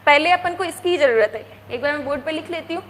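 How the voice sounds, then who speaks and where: Brief: female primary teacher, very high voice, coaxing and patient, long reverb of a classroom. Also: a little hiss or hum. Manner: coaxing, asks "right?" often, counts aloud slowly. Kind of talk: explaining to young children. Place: classroom with a board.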